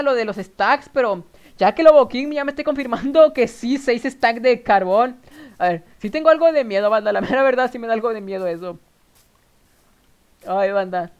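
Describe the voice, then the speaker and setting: A man's voice: very high voice, clean tone, muffled recording. A young man with a northern Mexican accent, chatting casually to viewers while streaming a game, rambling with nervous giggles. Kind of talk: casual live game commentary.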